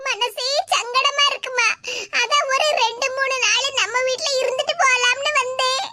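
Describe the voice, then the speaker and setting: A woman's voice: very high-pitched, fairly even intonation, moderate pace. Woman doing a whiny young cartoon daughter. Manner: whining, complaining. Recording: loud background hiss.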